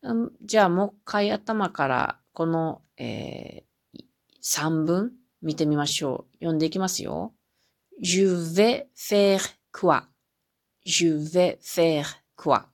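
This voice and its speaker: A woman teaching French on a solo podcast, explaining patiently with many fillers and reading example phrases slowly twice. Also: low voice, gravelly. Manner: reads French phrases slowly, then repeats them.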